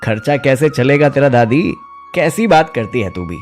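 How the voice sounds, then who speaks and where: A man's voice: medium pitch, lively intonation, normal speed, faint music behind, natural voice. A man playing a greedy, sly goat thief. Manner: wheedling, mocking. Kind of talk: cartoon voice acting.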